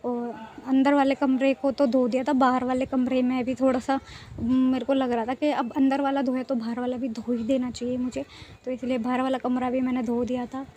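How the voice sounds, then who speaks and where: A young woman talking in a relaxed, chatty way about her home chores, with a somewhat high voice. She speaks in a level, unvaried tone and often loops back over the same point. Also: normal speed, slight background noise. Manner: chatty, repeats herself, says "ठीक है" often. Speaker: vlogger.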